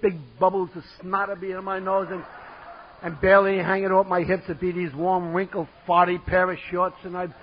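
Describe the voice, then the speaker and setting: With a high, fairly flat voice and a brisk pace, a New York City man with a local accent speaks at a recovery meeting. He pokes fun at his own past for the conference crowd in a vivid, theatrical way; the tape is dull and lo-fi, with slight background noise.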